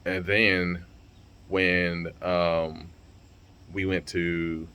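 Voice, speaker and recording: A man's voice: low-pitched, level tone, very slow, sharp tone, smooth. A young man talking straight to camera in a casual vlog, blunt and heated, swearing freely and stumbling over repeated words. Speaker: vlogger and streamer.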